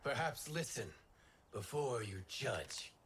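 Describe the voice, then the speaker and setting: Earnest, level-headed wind god Fujin. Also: male voice, mid-range voice, lively intonation. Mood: calm, urging. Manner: formal, measured, diplomatic. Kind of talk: dramatic video game cutscene acting. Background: cinematic music.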